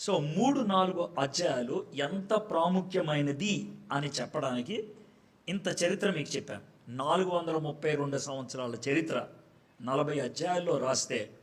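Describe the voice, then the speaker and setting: A pastor preaching to his congregation in a loose, conversational way. He jokes and acts out little scenes as he goes. His voice sits rather high for a man. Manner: conversational and joking, acts out dialogue. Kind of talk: sermon. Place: church hall.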